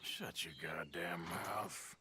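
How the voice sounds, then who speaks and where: An actor playing a middle-aged outlaw gunman, gruff and dryly wry. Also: sits low, fairly even intonation, slow. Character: weary, dry-humored outlaw gunman, middle-aged man. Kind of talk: video game acting. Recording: noisy game audio.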